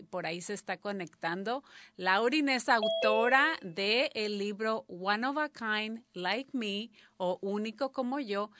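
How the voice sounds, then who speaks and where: A woman hosting a live interview who pauses often with fillers as she talks. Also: mid-range voice, fairly bright tone, no echo. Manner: hesitant, many filler pauses. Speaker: host.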